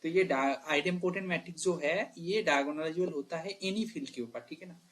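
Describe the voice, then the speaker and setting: A man teaches maths in a voice that sits somewhat high for a man. He works through exam problems out loud, checking in with his students often. He stops to correct himself mid-thought. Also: brisk. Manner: talks to students directly, "bhai" and "clear?", thinks aloud and corrects himself. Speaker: math teacher. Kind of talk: exam problem walkthrough lesson.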